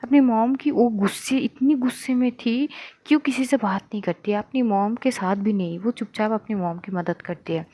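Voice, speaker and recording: A woman's voice: fairly high pitch, moderate pace, hardly any pauses, mellow, no echo. A woman narrating a serialized love story in a plain retelling voice. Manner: plain retelling with frequent "tabhi bolti ki".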